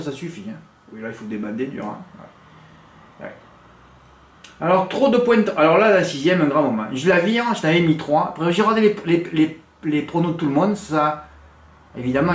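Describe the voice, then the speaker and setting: A lively man in a loose monologue about his racing bets, his somewhat high voice jumping between loud bursts and low mutters as he cracks bawdy jokes. The room adds a clear echo around him. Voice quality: has a noticeable accent others laugh at. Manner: animated, crude joking, big swings in pitch and loudness. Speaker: horse racing tipster. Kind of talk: casual monologue to camera.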